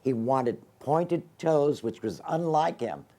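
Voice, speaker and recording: A man's voice: on the high side, slow pace, mellow. An older man, a retired dancer on a panel, recalling the old days in a matter-of-fact way. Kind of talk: casual panel reminiscence.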